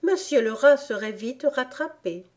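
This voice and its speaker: A woman's voice: lively intonation, measured pace, darkish tone. A woman voicing a polite, dreamy young girl in a storybook, eager and pleading. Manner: eager, pleading, higher than her narration.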